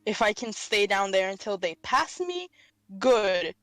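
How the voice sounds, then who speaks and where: A woman's voice: mid-range voice, very animated, a little slow, a bit bright, no room sound, rough recording. A woman playing a tabletop game, describing her character's moves in a blunt, casual way and swearing freely. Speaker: player.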